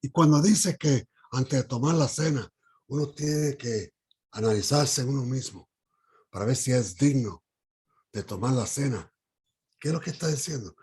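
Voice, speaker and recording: A man leading a Bible study. He speaks haltingly, with many fillers and restarts, and puts questions to the group. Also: mid-range voice, animated, darkish tone, slightly rough.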